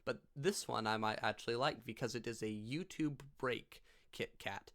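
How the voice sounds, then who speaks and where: A man talking to camera in a casual reaction vlog, drifting from one silly aside to the next. His pitch sits in the middle range for a man. He chuckles often and keeps the chatter loose and offhand. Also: moderate pace, a bit bright. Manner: goofy and rambling, laughs often. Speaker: YouTuber.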